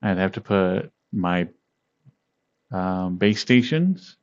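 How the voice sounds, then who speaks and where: Laid-back low-voiced man chatting on stream. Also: clean tone. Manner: laughs often, greets viewers by name; relaxed, meandering, with fillers and pauses. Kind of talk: casual chat with live viewers. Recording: dull lo-fi stream audio.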